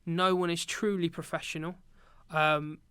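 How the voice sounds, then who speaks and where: British man, bright voice, dry close sound, casual chat with many ums. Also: fairly high pitch, a little slow, smooth, no echo. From Britain. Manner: relaxed storytelling with many ums. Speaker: podcast guest, teacher and business owner.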